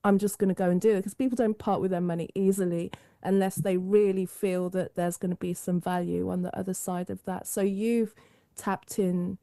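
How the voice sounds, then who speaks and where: Woman podcast host, mid-pitched, warm, dry close sound, musing delivery. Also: level tone, moderate pace, dry recording. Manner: musing, many fillers and restarts. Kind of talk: podcast interview.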